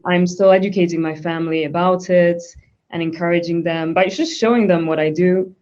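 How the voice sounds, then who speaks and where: A woman's voice: fairly low pitch, fairly even intonation, a little fast, darkish tone. A woman from Switzerland, a guest in a conversational interview, talking thoughtfully with frequent restarts. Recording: dull lo-fi sound.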